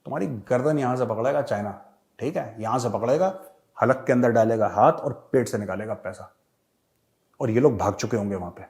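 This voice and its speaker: A man hosting a Hindi political commentary show in a sarcastic, mocking, animated way. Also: medium pitch, brisk. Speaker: host, retired army major.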